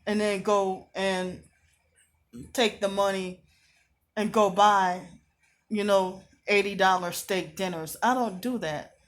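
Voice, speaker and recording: A woman talking casually to camera from a hotel room, aggrieved and repetitive, often clearing her throat, sounding tired. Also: medium pitch. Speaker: vlogger.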